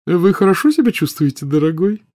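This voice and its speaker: A fussy, gushing old witch with a high voice that swoops up and down, full of doting exclamations, as a male reader puts her on. The sound is close and dry, with no room around it. It suits a storybook audiobook. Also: sing-song, a little fast, darkish tone, no echo. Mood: nervous. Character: silly gushing rich old witch woman. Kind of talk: audiobook character voice.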